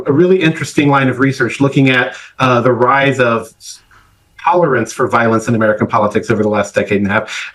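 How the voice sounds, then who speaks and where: A middle-aged man speaks as an academic guest in a news interview, weighing his words carefully. His pitch sits in the middle range for a man. He pauses often with "uh" and "um" as he builds his points. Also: a bit bright, poor audio. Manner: measured, academic, many "uh" and "um" fillers. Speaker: political science professor, interview guest.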